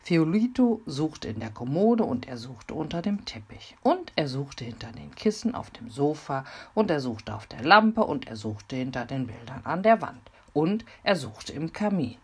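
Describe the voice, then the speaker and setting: Low-voiced, expressive woman storyteller. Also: moderate pace, few pauses, husky. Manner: dramatic, expressive reading. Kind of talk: reading a children's story aloud.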